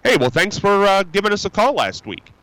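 This radio call-in host is high-pitched and sing-song, talking a little fast with a sharp tone. He chats folksily and cheerfully with callers in the studio, rambling, restarting and filling gaps. The low-quality recording has no echo.

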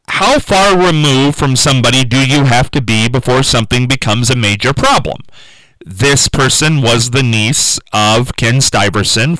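A man with a smooth radio-host delivery, musing aloud to listeners on a call-in show and often trailing off and restarting. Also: mid-range voice, sharp tone, no room sound, rough recording. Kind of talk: call-in talk radio monologue.

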